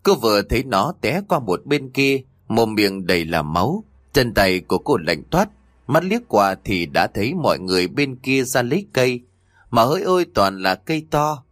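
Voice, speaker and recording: A man narrating an audio story in an expressive, dramatic manner. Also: medium pitch, normal speed, dry recording, studio quality.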